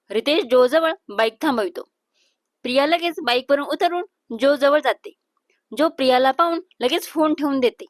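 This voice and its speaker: A woman narrates a romantic serial story with a high, clear voice. The sound is dry and close, with almost no room around it. She tells it in a steady, even storyteller's way. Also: no echo.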